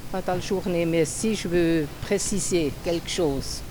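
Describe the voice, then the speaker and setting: Woman, low voice, slow and hesitant, loud traffic behind. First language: German. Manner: slow, searching for words. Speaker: passer-by. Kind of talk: street interview answer. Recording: outdoor street noise with traffic.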